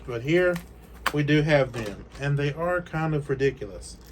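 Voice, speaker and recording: A man's voice: fairly high pitch, a little hiss or hum. A man hosting a casual unboxing video from a room of collectibles, chatting and rambling with frequent fillers. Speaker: toy collector host.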